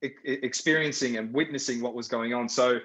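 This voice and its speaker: A man's voice: mid-range voice, steady tone, a little fast, a bit bright. A man, a film director, talking through his work on a panel, reflective and given to repeating phrases. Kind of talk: panel discussion over video call. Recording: roomy, muffled sound.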